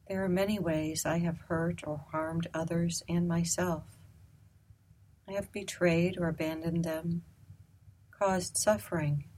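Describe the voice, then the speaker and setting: A woman leading a guided loving-kindness meditation, speaking slowly, softly and gently. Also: lowish voice, rough recording. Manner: slow, soft, calm and gentle.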